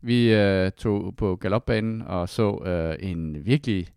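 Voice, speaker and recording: Low-voiced man telling a story. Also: smooth, dry recording, clean studio sound. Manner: lively storytelling, many fillers. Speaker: podcast host. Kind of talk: casual chat.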